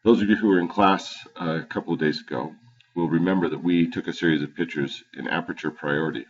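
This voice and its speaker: In a steady tone, a male teacher working from home narrates a screen-recorded tutorial on a computer, stumbling with frequent fillers and restarts. The sound is dull and lo-fi, coming from the machine's cheap built-in mic.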